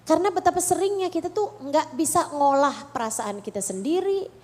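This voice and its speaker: A woman's voice: high voice, lively intonation, fairly quick, darkish tone. A middle-aged woman with an Indonesian accent giving an Islamic study talk to women, earnest and often asking the audience questions. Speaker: religious teacher.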